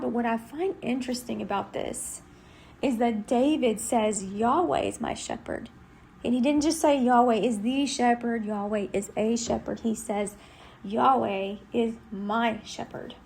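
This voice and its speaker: A woman's voice: fairly high pitch, steady tone, moderate pace, creaky, mellow, a little hiss or hum. A middle-aged woman from Texas, giving an earnest, conversational devotional Bible teaching.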